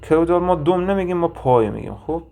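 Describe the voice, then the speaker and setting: Mellow-voiced man teaching anatomy. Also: fairly high pitch, lively intonation, vocal fry. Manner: explains step by step, asking and answering his own questions; thinks aloud with frequent hesitation sounds. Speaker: anatomy instructor. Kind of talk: recorded lecture with drawing and reading.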